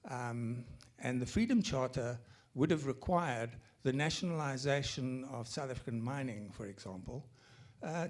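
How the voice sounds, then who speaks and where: A man from the audience raising a point at a panel, hesitant at first and then impassioned, with many fillers and throat clearing. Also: medium pitch, a little mellow. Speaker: audience questioner.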